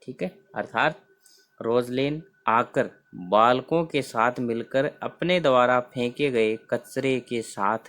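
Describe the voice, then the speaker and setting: A man teaching a textbook lesson, reading each line and then explaining it word by word, often repeating phrases. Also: mid-range voice. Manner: reads lines then explains them word by word.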